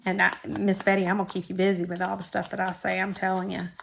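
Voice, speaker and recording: A middle-aged Florida woman with a South Georgia drawl talks fast in a mid-range, monotone, gravelly voice, with a little hiss or hum in the recording. Hosting a crafting channel, she rambles self-deprecatingly in casual chat while working at her craft table.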